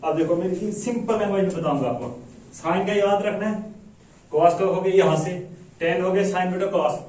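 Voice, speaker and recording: A man teaching a math lesson in plain spoken style, explaining slowly and repeating steps while checking that students follow. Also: high voice, a little mellow, a little hiss or hum. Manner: slow, repetitive explaining with frequent checks for understanding. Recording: echoey room, voice from a distance.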